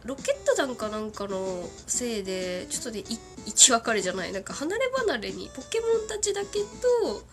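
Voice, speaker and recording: A woman's voice: on the high side, sing-song, a little fast, hardly any pauses, soft background music. A woman in her thirties hosting a casual solo radio chat, giggly and chatty, sniffling with a cold. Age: 30s. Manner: giggly, chatty, doing cartoon character impressions. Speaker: radio show host.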